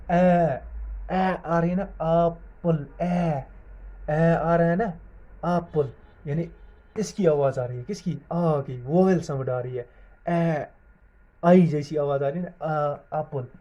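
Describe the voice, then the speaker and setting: A man teaching English grammar, his voice sitting a little high but very dark and mellow in tone. He spells words out letter by letter and quizzes his class, then answers for them. The recording sounds dull and lo-fi. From Jammu and Kashmir. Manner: repeats questions to the class and answers them himself. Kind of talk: classroom-style video lesson.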